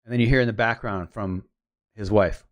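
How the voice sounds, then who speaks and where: Low-voiced man rambling through a story. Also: steady tone, quick pace, a bit bright. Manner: rambling, retells conversations with quoted voices; thinks aloud about editing steps. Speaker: photographer editing his images. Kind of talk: casual storytelling while working.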